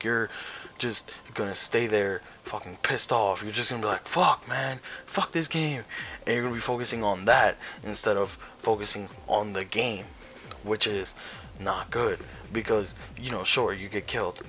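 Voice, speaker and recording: A man's voice: on the low side, fairly bright tone, poor audio. A young man giving competitive gaming tips in casual commentary, rambling and swearing with many restarts, shivering from the cold. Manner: rambling, profane, frequent restarts. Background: faint music.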